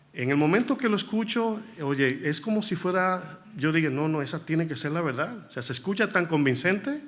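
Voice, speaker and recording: A man's voice: a little high, a bit bright. A male pastor preaching a sermon in a conversational, storytelling way, with frequent rhetorical questions to the congregation.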